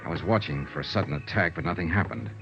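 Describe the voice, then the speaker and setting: In a muffled vintage radio recording backed by orchestral music, an American actor plays a tough, shrewd, hard-boiled freelance insurance investigator in a 1950s radio noir serial. His low voice moves fast, with a clipped first-person delivery, and the mood is tense yet measured.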